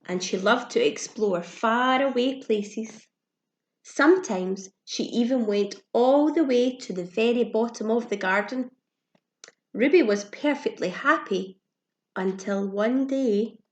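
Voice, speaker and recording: A woman with a fairly high voice reads a children's storybook slowly, like a teacher, keeping it expressive and simple, with audible gasps and questions for her young listeners. The recording is muffled and has an echoey room sound.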